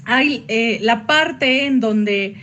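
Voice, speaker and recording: A woman psychologist giving a workshop online, chatty, with sudden high jumps when she acts out quoted voices. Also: drawn-out words, sharp tone, slight background noise.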